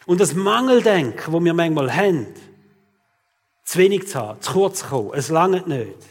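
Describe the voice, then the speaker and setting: A man's voice: fairly high pitch, lively intonation, moderate pace, slightly rough, big-room sound. A man, preaching a sermon as pastor and talking straight to his listeners, often tagging his sentences with "oder?". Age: 40s.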